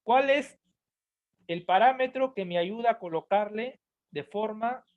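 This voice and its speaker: A man's voice: sits high, measured pace. A man voicing a curious male student who keeps asking his teacher questions, in an eager, questioning way. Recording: dull lo-fi audio.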